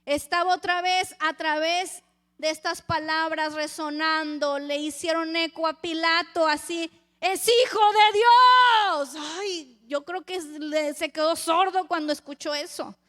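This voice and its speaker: A woman's voice: high-pitched, flat delivery, a little slow, a bit bright. A woman preacher giving a sermon, reading scripture aloud and calling the congregation brothers. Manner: acts out crowd voices.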